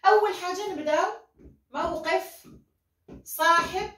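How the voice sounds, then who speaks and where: A woman's voice: extremely high pitch, unhurried, pushed and bright. A woman teacher with an Algerian Arabic accent explains a philosophy lesson step by step, repeating points and asking herself questions before answering them. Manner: repeats steps, asks and answers own questions. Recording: echoey room, voice from a distance.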